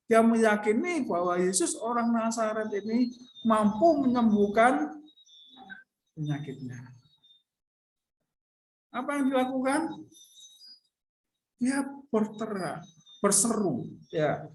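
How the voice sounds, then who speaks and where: A woman's voice: fairly high pitch, reverberant, low-quality recording. Woman teaching a Bible lesson. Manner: retells the story and acts out the crowd's voices. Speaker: religion teacher. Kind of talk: classroom Bible story lesson.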